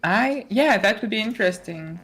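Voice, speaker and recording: A woman's voice: mid-range voice, lively intonation, normal speed, a bit bright, breathy edge. Chatty woman casting a strategy game. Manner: chatty, many fillers and restarts. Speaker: esports caster. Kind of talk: tournament commentary.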